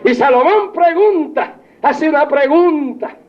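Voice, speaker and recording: A man's voice: very high voice, lively intonation, slight background noise. An older man preaching a fervent old-time revival sermon, stretching his phrases and crying out hallelujahs. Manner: fervent, shouts hallelujahs, drawn-out emphatic phrasing. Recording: dull lo-fi archive tape with faint congregation.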